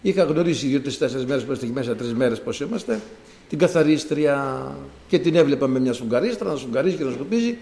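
A man preaching a sermon to his congregation and telling a personal testimony. He talks in an animated way, swinging from loud exclamations to quiet asides, and acts out sounds as he speaks. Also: medium pitch. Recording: echoey hall.

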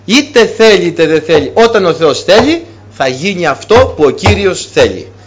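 A man's voice: high voice, lively intonation, husky. A man preaching a sermon to his congregation, emphatic and repeating key phrases for weight.

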